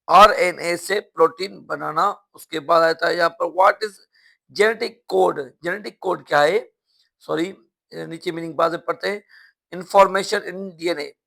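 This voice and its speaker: A man's voice: high voice, creaky, bright, forceful tone. A man with a Pakistani accent, a teacher reading out a vocabulary lesson, giving each question and answer and then repeating each term with its meaning. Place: school classroom or study room.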